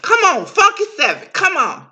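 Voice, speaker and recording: A woman's voice: very high voice, wildly swooping pitch, normal speed, sharp tone, voice pushed up, full character voice. A woman voicing an eager gambler who pleads with the dice. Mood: pleading. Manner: pleading, hyped.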